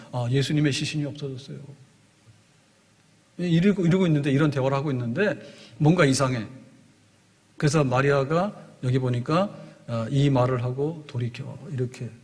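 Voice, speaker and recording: A man's voice: mid-range voice, darkish tone, husky, in a large hall. A man preaching a sermon as pastor, explaining in short spoken phrases and rising in force on key words.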